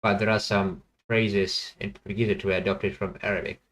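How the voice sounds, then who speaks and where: A man with a fairly low, slightly bright voice and a flat delivery streams himself guessing languages. He thinks aloud in a stop-start way, full of fillers and self-corrections, and talks to viewers between rounds.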